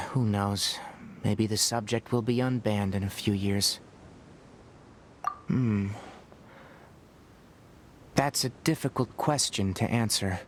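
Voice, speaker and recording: For a video game, an actor voices a calm, scholarly young male forest ranger who speaks in a measured, thoughtful, gently lecturing manner. The voice is fairly low, with a little hiss or hum in the recording.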